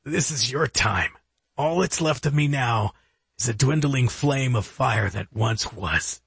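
A man voicing an older retired agent, a grave and weary father, in a husky voice close to his own. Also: mid-range voice, slow pace, a bit bright, no echo, voice pushed up, full character voice. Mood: dying. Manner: grave, earnest.

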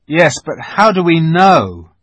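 A man's voice: on the high side, big pitch swings, takes it slowly, a bit bright, no room sound, pitched above the performer's own voice, exaggerated voice. Edmund, a suspicious boy, read by a man. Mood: skeptical. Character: doubtful boy, suspicious and sulky. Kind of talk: storybook reading.

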